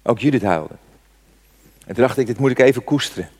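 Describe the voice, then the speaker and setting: A man's voice: mid-range voice, a little fast, darkish tone. A man in his sixties preaching a sermon, telling a personal story with fervent rhetorical questions. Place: church. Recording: long church reverb.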